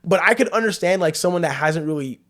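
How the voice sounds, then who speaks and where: A man's voice: high-pitched, lively intonation, quick pace, a bit bright. A young man hosting a podcast, chatting casually with lots of fillers and slang. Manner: laid-back, filler-heavy, loose slang. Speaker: podcast host. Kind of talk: casual chat.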